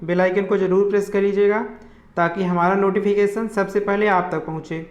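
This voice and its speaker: A man's voice: sits high, flat delivery, fairly quick, echoey room, highs cut off. A man teaching a Hindi grammar lesson for exam preparation, naming each wrong spelling, asking for the correct form and answering it himself.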